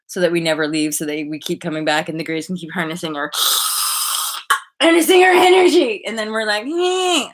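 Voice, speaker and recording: A woman in her thirties hosting a casual live chat from a bedroom, chatty and animated, full of likes and restarts, heard through a webcam mic. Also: low voice. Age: 30s. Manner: animated, gestures a lot, laughs often. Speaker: livestream host. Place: bedroom indoors. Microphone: webcam at desk distance.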